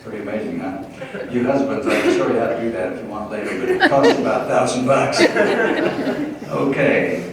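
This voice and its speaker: A man's voice: mid-range voice, huge pitch swings, a little fast, over a noisy crowd. A man working as a stage hypnotist, delivering live show patter and teasing his volunteers and audience. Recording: echoey hall, distant mic, noisy.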